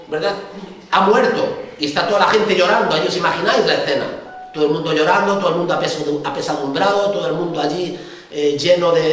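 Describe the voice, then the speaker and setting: A male pastor with a Spain Spanish accent giving a sermon in a conversational way, often ending phrases with tag questions. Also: high-pitched. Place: church hall. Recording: echoey church hall, distant mic, faint noise.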